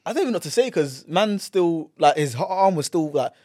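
A man's voice: on the high side, expressive, fairly quick, darkish tone, no echo, clean studio sound. A young man with a London roadman accent bantering and telling stories casually, full of street slang and repeated words. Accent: London, urban street slang. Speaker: podcast co-host.

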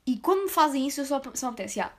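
Slangy Portuguese woman, high voice. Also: lively intonation, very fast. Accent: European Portuguese. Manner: slangy, rambling, blunt, with sudden emphatic outbursts. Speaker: vlogger. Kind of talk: casual rant to viewers.

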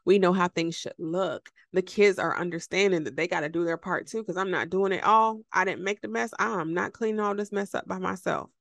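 A woman's voice: lowish voice, brisk, gravelly, few pauses, dry recording. A woman hosting a podcast, giving an emphatic, preachy motivational talk straight to her listeners, repeating phrases for effect and laughing often. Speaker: podcast host.

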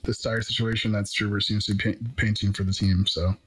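A man's voice: lowish voice, little pitch movement, fairly quick, fairly bright tone, slightly rough. A man hosting a casual soccer podcast, chatting and laughing easily as he reads listener questions. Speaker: podcast host.

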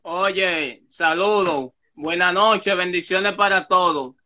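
A man telling a story fast in a casual chat, acting out the quoted lines. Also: high voice, pushed and bright.

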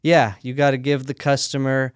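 A man who runs a sock company, talking through his business in a relaxed, practical way during an interview. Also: mid-range voice, normal speed, clean tone, dry recording, studio quality. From United States. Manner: relaxed, practical, talks in run-on explanations. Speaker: sock company owner, guest. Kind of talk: casual interview conversation.

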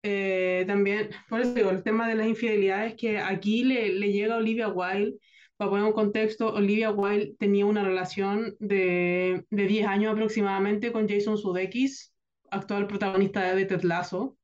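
A podcast co-host lays out background stories in a steady, informative way. The delivery stays flat, without much rise and fall, and the sound is dull and lo-fi. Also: mid-range voice, normal speed. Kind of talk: casual film discussion.

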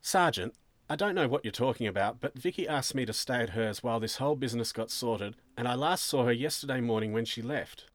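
In a lightly acted story, a man plays a nervous, bewildered suspect who stays polite while sounding defensive, hesitant, perplexed, and protesting. His medium-pitched voice is brisk, and the recording is dry.

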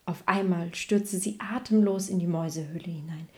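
A woman reading a children's bedtime story aloud, gently and evenly. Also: fairly low pitch, normal speed. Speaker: storybook reader.

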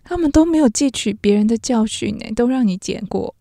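A woman's voice: fairly high pitch, animated, fairly quick, gravelly, warm tone, no room sound, studio quality. Incredulous teasing woman. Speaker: podcast co-host. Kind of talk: casual chat.

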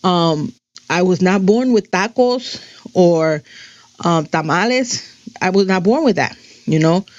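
Her voice on the low side, this middle-aged woman from New Jersey, a native Spanish speaker, sounds animated and a little slow as she wanders through a digressive, chatty story about herself, dotted with "um" and "you know." There's no echo, and the sound is lo-fi.

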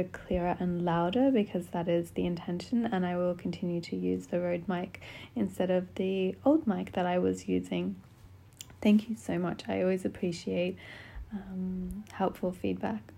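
A woman hosting a solo podcast in a soft, gentle voice, speaking tenderly and intimately without hurry. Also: fairly low pitch, gravelly, slightly rough. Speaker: podcast host. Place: small closed bedroom at home. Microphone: podcast microphone.

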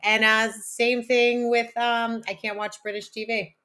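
A woman's voice: a little high, flat delivery, pushed and bright. A woman with a New Jersey accent co-hosting a podcast in casual, sarcastic chat. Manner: sarcastic, chatty, drawn-out delivery. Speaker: podcast co-host.

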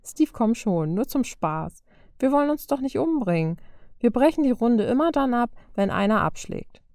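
A woman's voice: fairly high pitch, big pitch swings, normal speed, a little mellow, no room sound, studio quality, pitched above the performer's own voice. Woman voicing a cheeky young woman fighter. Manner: cheeky, joking. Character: cheeky young female fighter, cocky and playful. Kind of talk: audiobook character voice.

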